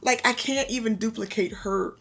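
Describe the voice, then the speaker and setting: A woman vlogger telling a personal story in an animated, effusive way, calling her viewers y'all. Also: a little high, moderate pace, gravelly, faint music behind. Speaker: lifestyle vlogger.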